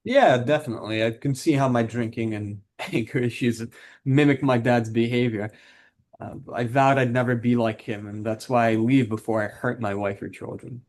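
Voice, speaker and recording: A man's voice: mid-range voice, fairly even intonation, normal speed, darkish tone, close to an everyday voice. A man playing a defensive husband in a counselling role-play, talking in a plain, matter-of-fact way. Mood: subdued, reflective. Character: frustrated, defensive husband who drinks, admits anger issues.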